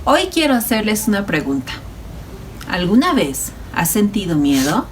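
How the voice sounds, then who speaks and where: A woman leads a children's Bible lesson with lively, swooping intonation. There is faint noise under her voice. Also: mid-range voice, a little slow. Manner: warm, animated, addresses children. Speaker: Sunday school teacher.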